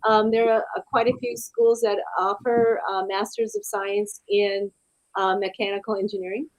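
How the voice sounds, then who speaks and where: A woman's voice: mid-range voice, fairly even intonation, moderate pace, no echo, low-quality recording. A woman hosting a live webinar Q&A over a video call, chatting with many fillers and reading out viewer questions. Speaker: webinar host.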